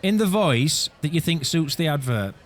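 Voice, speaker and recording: A man's voice: fairly high pitch, animated, moderate pace. A man hosting a casual chat with friends, bossily running a game. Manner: bossy, keeps calling "right, here we go". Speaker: podcast host running the game.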